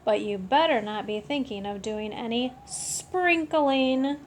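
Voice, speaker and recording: Woman as a firm storybook mother cat, unhurried. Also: on the high side, a little hiss or hum. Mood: firm warning. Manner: firm, correcting. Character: firm, scolding mother cat of young kittens.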